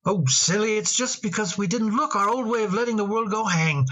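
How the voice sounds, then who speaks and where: This high-pitched male voice comes from a low-quality recording of an old radio play. He portrays a loving father addressing his daughter warmly, gently, with a bit of hesitation.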